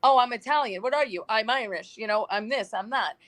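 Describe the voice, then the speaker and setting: A young woman from New York chatting as a podcast guest, telling animated stories full of quoted asides. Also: on the high side, a little fast. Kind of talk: casual roundtable chat.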